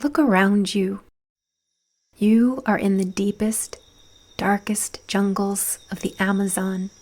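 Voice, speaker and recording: A woman with a mid-range voice and a steady tone narrates a guided visualization. She keeps it soft, soothing, and measured, with breathy endings to her phrases and long pauses.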